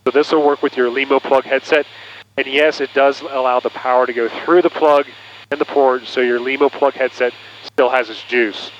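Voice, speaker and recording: A man with a mid-range, slightly bright voice speaks at a moderate pace and fairly even intonation, walking through a product demonstration in an instructional way like a pilot over a headset intercom. It's captured on an aviation headset through an intercom cable, giving muffled, noisy cockpit intercom audio.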